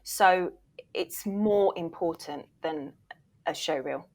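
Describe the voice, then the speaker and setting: Slow-paced and fairly low in pitch, this woman's voice carries a darkish tone. She's an interview guest who produces voice reels and previously worked as a voiceover agent, and her explanations are emphatic and conversational, often including imagined questions from actors.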